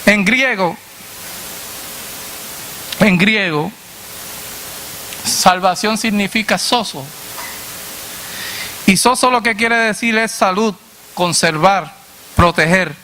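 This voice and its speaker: A man preacher delivering a sermon to a congregation, asking "what?" and answering himself in a lower voice, addressing listeners as brother. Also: slow pace, long pauses, sharp tone, a little hiss or hum. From Latin America. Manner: call-and-response questions, dropping low on the answer.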